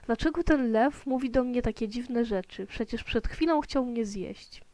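A woman's voice: fairly high pitch, normal speed, a little mellow, dry recording, close to an everyday voice. A woman voicing a curious, stubborn little boy in a children's storybook, asking questions in an indignant, protesting way. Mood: puzzled.

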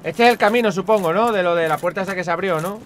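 A man's voice: high voice, racing, fairly bright tone, a little hiss or hum. A young man with a Spain Spanish accent giving rambling, casual gameplay commentary, swearing often and talking to his viewers. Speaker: gaming channel host. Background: game music.

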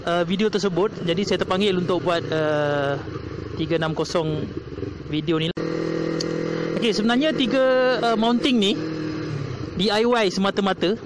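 Young Malaysian man, high voice, chatty helmet-cam vlogger, loud road noise behind. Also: normal speed, pauses often. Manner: chatty, many fillers, mixes English words. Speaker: motovlogger. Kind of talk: casual vlog chat. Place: outdoors on a motorcycle on a wet road in rain. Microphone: helmet or bike-mounted action camera.

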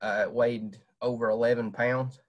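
Speaking over a webcam on a video call, this young Southwest Virginia man presents a relaxed fishing talk in plain language, sprinkled with many "uh"s. His mid-range voice shows little pitch movement, and he talks at a normal speed.

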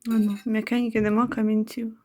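A woman's voice: fairly high pitch, flat delivery, brisk, warm tone. A woman from Ukraine chatting to the camera in her home kitchen, teasing her family and narrating the cooking. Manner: chatty, teasing, narrates what she sees. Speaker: vlogger filming family cooking. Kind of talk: casual chat to the camera.

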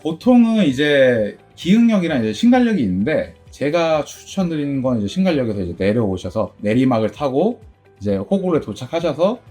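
A man's voice: a little fast, faint music behind. A middle-aged man who owns a game shop, answering interview questions in a chatty way, full of fillers. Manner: chatty, many fillers, lively pitch. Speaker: game store owner.

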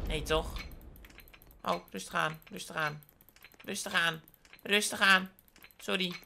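A woman giving playful game commentary as a gaming YouTuber, excitable, with sudden high squealing outbursts. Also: noisy background. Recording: clear keyboard typing and clicks.

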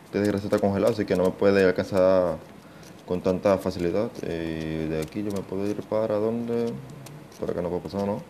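A young man giving casual gameplay commentary, excitable, swearing often and talking to himself. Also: low-pitched, a little fast, a little hiss or hum. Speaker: gaming channel host.

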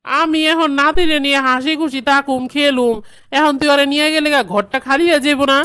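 In a comedy cartoon, a woman with a Bangladeshi accent voices a bossy, fussing grandmother and doting mother-in-law, scolding in colloquial dialect with a commanding, insistent manner. Her voice is high, steady, brisk, pushed and bright, recorded dry at studio quality.

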